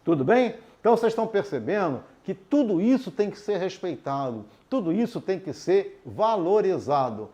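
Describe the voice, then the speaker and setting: With a very animated, high-pitched and mellow voice, its highs cut off, a man teaches an adult literacy lesson at the board. He goes slowly and patiently, checking in with lines like "tudo bem?".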